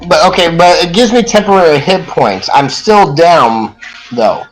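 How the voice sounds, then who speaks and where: A man playing a tabletop game, talking in halting starts while he checks rules. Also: fairly high pitch, animated, poor audio. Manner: halting, asks rules questions. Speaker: player.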